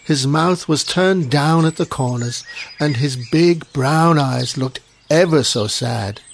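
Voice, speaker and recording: A storyteller reading a children's story in a gentle, expressive way. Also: mid-range voice, takes it slowly, a little hiss or hum.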